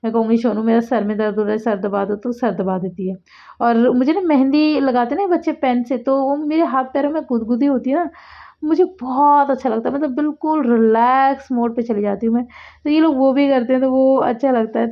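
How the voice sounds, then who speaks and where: Woman, 30s, from India, home vlogger, high pitch, rambling casual chat, slightly dull phone audio. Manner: chatty, rambling, says "matlab" often. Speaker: vlogger and mother. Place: home kitchen and rooms.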